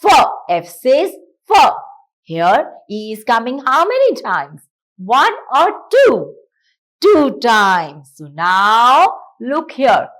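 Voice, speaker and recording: Punjabi-accented lady teaching kids phonics, bouncy up-and-down voice, kinda high. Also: huge pitch swings, fairly bright tone. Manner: slow, sing-song teacherly delivery with drawn-out sounds. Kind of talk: children's phonics lesson.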